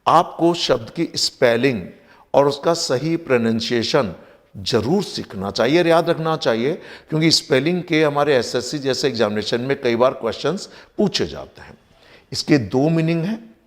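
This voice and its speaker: A man's voice: mid-range voice, animated, moderate pace. A man with an Indian accent teaching English vocabulary in Hindi, spelling words letter by letter and mixing in English terms. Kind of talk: recorded vocabulary lesson.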